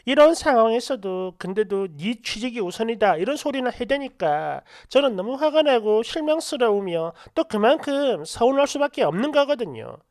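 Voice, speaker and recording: Woman storyteller, high bright pitch, very lively swings, aggrieved first-person telling, dry close sound. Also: normal speed, hardly any pauses, no room sound. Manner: animated, aggrieved, talks to the listener.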